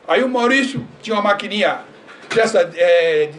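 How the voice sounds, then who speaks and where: An older man, a former postal worker, telling lively stories at a seminar, acting out dialogue and often laughing. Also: high-pitched, normal speed. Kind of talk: storytelling talk at a seminar. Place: university seminar room. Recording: distant mic, faint room noise.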